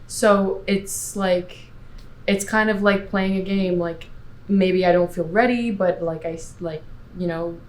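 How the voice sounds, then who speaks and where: A young woman sharing her view in a casual panel discussion with halting, informal phrasing. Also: lowish voice, steady tone, rough recording. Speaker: panel guest.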